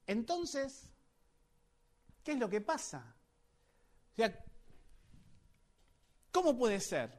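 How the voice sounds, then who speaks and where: A man's voice: extremely high pitch, huge pitch swings, very slow, long pauses, a little mellow. A man preaching a sermon, emphatic and often asking his listeners questions. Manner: emphatic, asks the audience questions.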